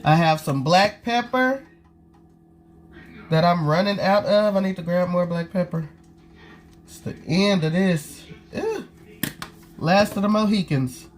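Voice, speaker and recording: A woman's voice: fairly low pitch, unhurried, pauses often, soft background music. A woman with a stuffy, nasal voice from a cold, chatting casually to viewers as she cooks in her home kitchen. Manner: chatty, talks straight to viewers while cooking. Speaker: cooking vlog host. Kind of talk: casual cooking chat.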